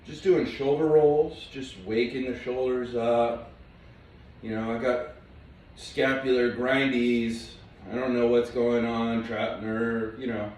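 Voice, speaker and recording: A man guiding a yoga flow as he does it, giving relaxed, chatty cues with small asides. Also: mid-range voice, a little slow, a little hiss or hum. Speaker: yoga instructor. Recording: echoey room, mic at a distance.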